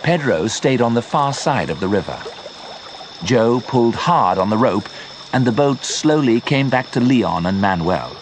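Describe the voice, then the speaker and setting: A man narrating a simple story slowly and clearly for English learners. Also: mid-range voice, slight background noise. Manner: slow, clear, expressive.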